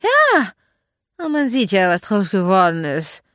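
A woman reading an audiobook, voicing a shrill, foul-mouthed, tipsy woman who shrieks and drags out her words. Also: wildly swooping pitch, no echo, clean studio sound. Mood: scornful. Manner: shrieking, drawn-out and sharp-tongued.

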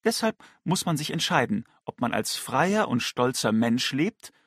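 A man voicing a provocative, disdainful young woman in an audiobook, lecturing in a crisp tone. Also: mid-range voice, sing-song, a little slow, fairly bright tone, no room sound, clean studio sound, heavily acted.

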